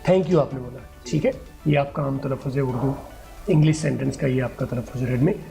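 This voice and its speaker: Man, gravelly voice, mellow tone, patient English teacher, repeats phrases, soft music underneath. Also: mid-range voice. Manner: patient, repeats words slowly for students. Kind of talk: classroom English lesson.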